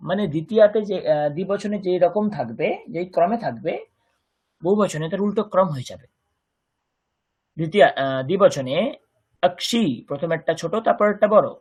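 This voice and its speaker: Husky Bengali man teaching Sanskrit. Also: on the high side. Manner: patient, explains slowly and repeats words for students. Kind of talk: online language lesson.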